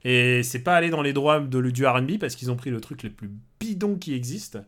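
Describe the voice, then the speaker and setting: Man, podcast co-host, casual chat, medium pitch, hesitant fillers, blunt. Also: animated, fairly quick, fairly bright tone.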